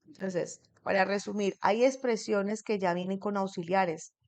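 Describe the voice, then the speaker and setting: Woman, English teacher, classroom lesson, quizzes the class, mid pitch, dry sound. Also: a little slow, no echo. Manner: keeps checking in with the class, asking questions.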